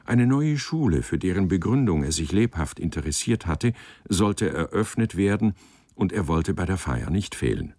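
A man reading a literary story aloud in a measured, expressive manner. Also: sits low, dry recording. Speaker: narrator. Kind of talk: audiobook narration of a literary story.

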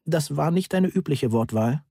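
A man's voice: a little high, animated, normal speed, creaky, mellow, husky, no echo, studio quality, voice pushed up, exaggerated voice. A man voicing a worried middle-aged mother who keeps herself tightly controlled, icily polite and clipped. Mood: coldly controlled.

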